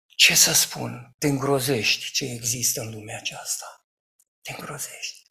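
A man preaching a sermon in an emphatic way, rising to loud outcries and dropping to hushed asides. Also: mid-range voice, steady tone, gravelly.

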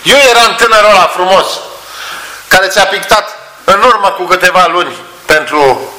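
A man's voice: high voice, sharp tone, voice pushed up. A preacher voicing a crying, remorseful drunk man who laments his fallen soul. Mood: grieving. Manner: lamenting, self-reproaching. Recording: roomy echo.

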